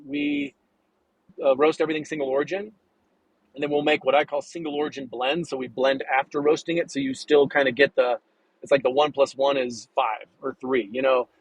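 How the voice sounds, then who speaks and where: A man talking as a podcast guest, chatty and enthusiastic, rambling with quick restarts. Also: mid-range voice, dry recording, rough recording. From United States. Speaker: coffee importer and roaster guest. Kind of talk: casual podcast interview.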